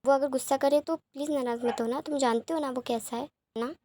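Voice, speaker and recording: A woman's voice: high-pitched, steady tone, brisk, warm tone, slight background noise, natural voice. A woman doing a worried, fond mother. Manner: pleading, fond. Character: worried, fond mother leaving her sons.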